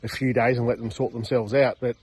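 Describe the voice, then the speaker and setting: A middle-aged man with a mellow, dark voice chats casually in a laid-back vlog. He speaks in a plain, colloquial way at an ordinary pitch. He is outdoors on a handheld phone, with bees buzzing by the hives. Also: flat delivery, a little fast, a little hiss or hum. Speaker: hobby beekeeper vlogger. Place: outdoors in a rural yard among beehives. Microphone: handheld phone camera at arm's length.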